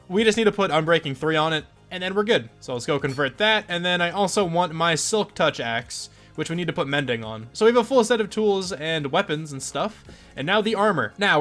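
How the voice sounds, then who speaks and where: A man's voice: fairly high pitch, fairly bright tone. Congested young man narrating gameplay. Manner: chatty, rambling, lots of fillers. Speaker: gaming channel host. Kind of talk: casual let's play commentary.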